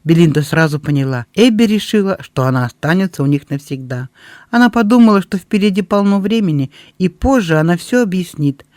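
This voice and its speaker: A man's voice: high-pitched, expressive, brisk, a little mellow, dry recording. A man reading a novel aloud as an audiobook, telling the story steadily and expressively on a close microphone. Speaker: audiobook reader. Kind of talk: scripted narration.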